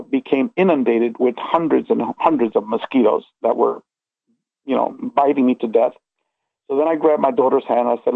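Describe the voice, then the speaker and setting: This interview guest, a middle-aged man, has a gravelly, medium-pitched voice and recounts his own experiences in an earnest, rambling, casual way. He leans hard on key points and keeps asking "okay?" or saying "you know" to confirm he's being followed. The sound is dry and tinny, like a phone line.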